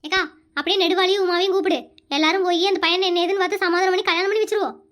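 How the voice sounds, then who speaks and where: Voicing an indignant village woman who is chatty and caring, a performer in an animated comedy exclaims and keeps calling the other woman "akka". The delivery is very high and very fast.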